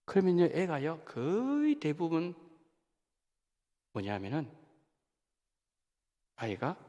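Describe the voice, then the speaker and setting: A man, a senior pastor, preaching a sermon in a church, talking in an animated way that rises and drops sharply for emphasis. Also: on the high side, takes it slowly, muffled recording. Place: church sanctuary. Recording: long hall reverb of a church.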